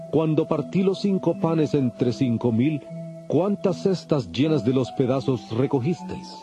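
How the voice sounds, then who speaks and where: A man's voice: mid-range voice, animated, measured pace, close to an everyday voice. A man playing Jesus as an authoritative, emphatic teacher in a solemn dramatized audio Bible. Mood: stern, questioning. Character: Jesus, authoritative adult male teacher rebuking and instructing. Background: prominent music.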